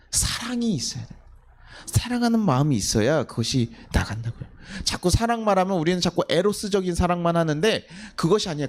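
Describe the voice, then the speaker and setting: A middle-aged male pastor preaching a sermon in a church. He keeps putting questions to the congregation and then answers them himself. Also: high voice. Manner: acts out quoted family scolding in a livelier voice. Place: church sanctuary.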